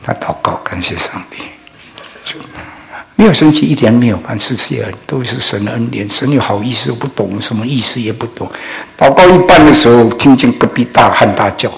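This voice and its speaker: An older man, a pastor from Indonesia, preaching a sermon through lively anecdotes that swing between loud and soft. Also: medium pitch, a little fast, gravelly, low-quality recording. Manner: storytelling with laughs and acted quotes, swings loud and soft.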